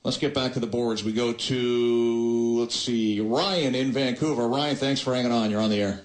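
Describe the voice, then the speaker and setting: A man hosting a post-game call-in show with a smooth radio host delivery, brisk and measured as he recaps and takes calls. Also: medium pitch, steady tone, roomy sound. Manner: brisk, measured, recaps then hands off to callers.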